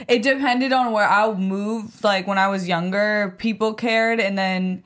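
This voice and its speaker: Woman, panelist, casual chat, relaxed, reflective, mid pitch. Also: measured pace.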